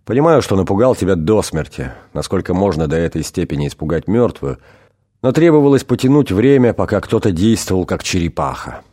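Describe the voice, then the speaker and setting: A man voicing a calm male angel with a dry, delicate wit in an audiobook reading. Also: deep voice, fairly quick.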